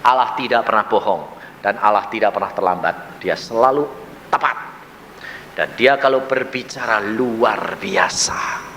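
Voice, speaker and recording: A male evangelist, preaching a sermon full of personal testimony. He swings from high exclamations to low murmurs. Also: measured pace, sharp tone, big-room sound, slight background noise.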